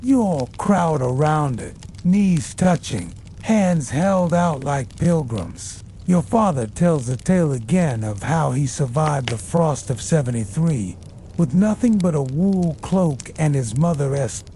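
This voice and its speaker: Slow, mellow man narrating a bedtime story. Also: fairly high pitch, lively intonation, a little hiss or hum. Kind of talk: soothing bedtime scripted narration.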